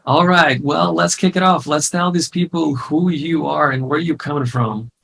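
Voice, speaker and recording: Chatty upbeat guy hosting a video interview, kinda gravelly voice. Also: fairly high pitch, a little slow, a bit bright. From came to the US in 2009. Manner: upbeat, chatty, laughs easily. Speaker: host and course founder. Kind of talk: casual online interview.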